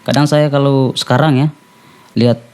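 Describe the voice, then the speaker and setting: Podcast guest: male rapper, halting, restarts a lot, everyday mid voice. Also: mid-range voice, steady tone, a little mellow, clean tone. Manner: halting, searching for words, frequent restarts. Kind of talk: casual chat.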